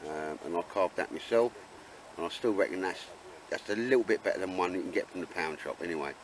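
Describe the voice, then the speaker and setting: A man's voice: low voice, fast talker, low-quality recording. A man with an Essex accent chatting casually and jokily as he hosts a vlog, with matey, laddish banter. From Essex, England. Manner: laddish and jokey, calls friends mate and sir. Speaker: vlog host filming a camping trip. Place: outdoors at a woodland campsite. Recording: outdoor recording with clear ambient noise.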